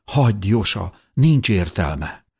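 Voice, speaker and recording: A man's voice: lowish voice, big pitch swings, creaky, darkish tone, husky, voice pushed up, heavily acted. A man voicing a sobbing, terrified teenage girl. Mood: tearful, pleading. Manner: sobbing, trembling pleas. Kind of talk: audiobook character voice.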